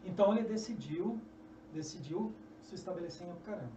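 A middle-aged journalist and author with a Brazilian Portuguese accent tells history as a podcast guest, animated and often restarting phrases. He has a high voice and quick pace, speaking into a desk mic on a stand in a small studio. The recording is echoey, distant, dull and noisy.

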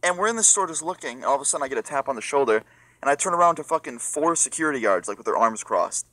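A young man telling a storytime rant, profane and excitable, acting out the other people in the story. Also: medium pitch, very fast, dry recording.

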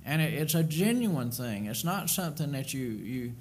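An older male preacher gives an earnest sermon into a pulpit mic in a church sanctuary, his medium-pitched voice sing-song, slightly mellow and moderately paced. He drives his points home with emphasis, circling back over words, while a faint room hum lingers behind him.

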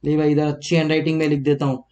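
A man lectures an accountancy exam class. His voice sits high for a man, and he keeps it playful and chatty, slipping into stories and throwing questions at his students. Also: flat delivery, rapid-fire, warm tone. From Mumbai, India. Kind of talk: classroom lecture with personal storytelling.

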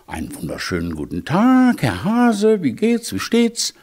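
A man's voice: high-pitched, huge pitch swings, a little slow, a little mellow, pitched above the performer's own voice, exaggerated voice. A man doing a chirpy, sly male hedgehog. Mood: cheeky. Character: polite, cunning male hedgehog.

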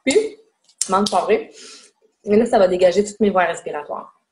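A woman in her forties with a Québécois French accent speaks at a moderate pace in a mid-range, slightly mellow voice. She's giving a casual webinar lesson from a room at home, chatting away and pointing to spots on herself to demonstrate. The audio comes through a webcam mic on a video call.

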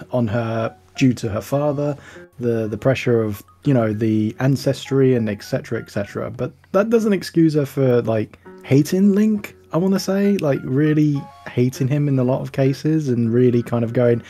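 A man's voice: medium pitch, mellow. A man in his thirties, a guest in a casual chat, easygoing and rambling with frequent chuckles. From England. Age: 30s.

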